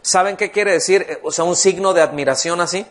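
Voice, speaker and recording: A man's voice: high voice, fairly quick, a bit bright. A male pastor teaching an expository sermon in a conversational way, asking the congregation questions. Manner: conversational, asks the congregation questions, acts out voices.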